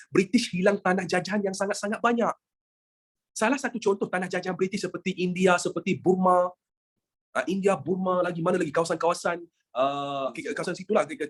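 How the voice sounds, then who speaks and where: A history teacher with a Malaysian Malay accent, lecturing a class in a lively way, firing rhetorical questions, joking and dropping in English phrases. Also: medium pitch, husky.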